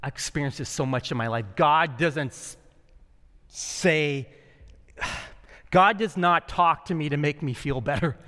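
A man delivers a sermon in an animated way, repeating his lines and acting out the voices he quotes. His voice sits high and sounds bright and forceful. A long hall reverb trails after every phrase. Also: a little slow, pauses often. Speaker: pastor.

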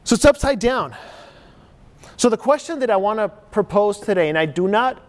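A man's voice: high-pitched, expressive, normal speed, big-room sound. A man in his forties who grew up in Chile, preaching an earnest, conversational sermon full of rhetorical questions. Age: 40s. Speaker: pastor.

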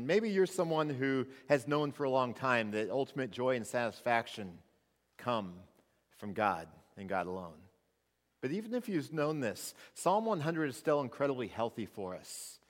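Man preaching at a pulpit microphone, reverberant. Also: medium pitch. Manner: conversational preaching with restarts. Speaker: pastor. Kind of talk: sermon. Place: church sanctuary. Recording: long reverb of a church hall.

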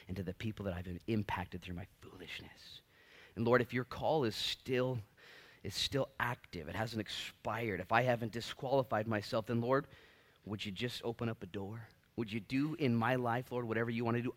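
A man's voice: on the low side, moderate pace, fairly bright tone. A middle-aged male pastor preaching a sermon in a conversational, joking yet earnest way. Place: church.

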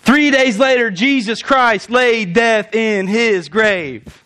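A man's voice: extremely high pitch, slow pace, sharp tone, clear, resonant tone. A man preaching a sermon as pastor in a church, telling the story with animation and acting out the scenes.

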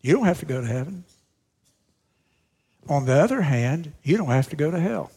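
A middle-aged male pastor preaching a sermon, swinging between loud, emphatic lines and hushed, slowed-down phrases. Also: on the high side, expressive, husky. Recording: long reverb of a large hall.

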